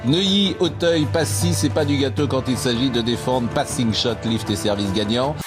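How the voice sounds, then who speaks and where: A man's voice: mid-range voice, moderate pace, music in the background. A man reading a scripted television report voice-over.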